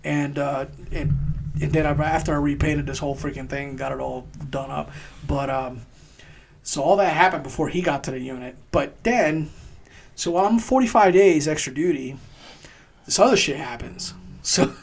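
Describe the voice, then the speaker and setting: A man casually telling a rowdy army story on a podcast, swearing often and laughing as he acts out shouted quotes. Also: on the high side, normal speed, gravelly, breathy edge. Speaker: podcast co-host, army veteran.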